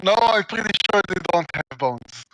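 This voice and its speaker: A man's voice: high voice, expressive, normal speed, noisy background. A playful, joking man bantering casually as a player in a tabletop game.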